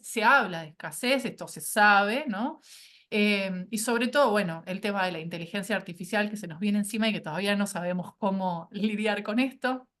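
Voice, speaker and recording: A woman's voice: medium pitch, a bit bright. A woman instructor presenting a course. She is a bit sick with a cold and keeps checking in with her listeners through tag questions and hesitant fillers. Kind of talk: online presentation.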